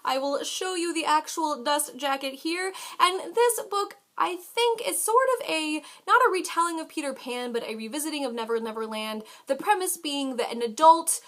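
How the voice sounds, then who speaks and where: Enthusiastic girly-high woman doing a book vlog, bright voice, chatty and emphatic. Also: animated, moderate pace, few pauses. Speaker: book reviewer and vlogger. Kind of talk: casual book haul chat to camera.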